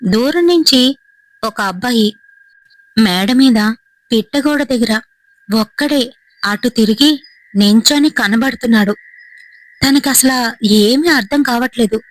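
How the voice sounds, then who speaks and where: A woman narrating a true-ghost horror story in a dramatic, measured way. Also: fairly high pitch, low-quality recording.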